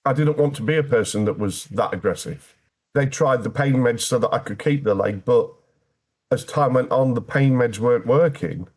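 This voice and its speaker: A man's voice: mid-range voice, moderate pace, darkish tone. A British man speaking as an interview guest, telling his personal story candidly in a plain-spoken way with dry, wry humour.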